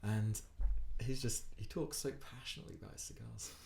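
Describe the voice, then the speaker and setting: A man's voice: fairly low pitch, brisk, gravelly, warm tone. A man in casual, rambling podcast chat, laid-back and sweary. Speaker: podcast co-host. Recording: roomy echo.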